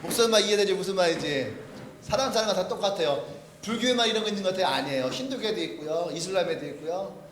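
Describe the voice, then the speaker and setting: High-voiced male pastor in an echoey church. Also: expressive, fast talker, a bit bright, a little hiss or hum. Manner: storytelling, acting out quoted voices. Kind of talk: sermon. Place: church sanctuary.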